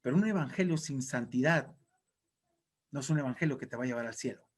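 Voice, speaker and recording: A man's voice: medium pitch, brisk, slightly rough. A male pastor preaching a sermon in an emphatic, exhorting way.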